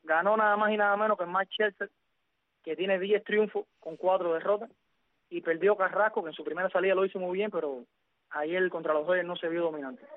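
A man's voice: high-pitched, no room sound. A man hosting on sports radio, going methodically through baseball results with frequent "eh" fillers. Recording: dry, phone-like narrow sound.

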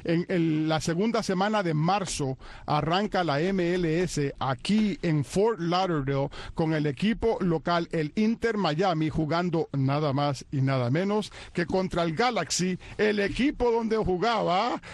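A man hosting a sports roundup, reading results in a brisk announcer manner. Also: a little high. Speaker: sports show host.

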